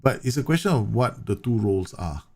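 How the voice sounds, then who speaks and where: A Singaporean streamer livestreams a football management game, chatting with viewers and explaining tactics while answering chat, using frequent fillers and restarts. His medium-pitched voice is animated, fairly quick, and darkish in tone.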